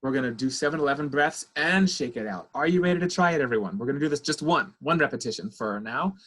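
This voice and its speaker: Man, husky voice, child therapist, counting breaths for a webinar audience, video call. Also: fairly high pitch, expressive, quick pace, fairly bright tone. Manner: coaching, counting the audience through exercises. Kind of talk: guided breathing instruction and lecture.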